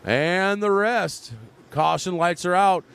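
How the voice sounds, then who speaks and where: A man giving excited live motorsport commentary as a track announcer, calling the action in bursts and raising to a shout at big moments. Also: sits high, takes it slowly, vocal fry, clean tone.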